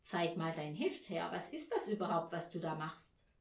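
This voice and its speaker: A woman reading aloud, voicing a joking, impatient middle-aged father in a gruff, lower voice. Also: very animated, moderate pace, echoey room.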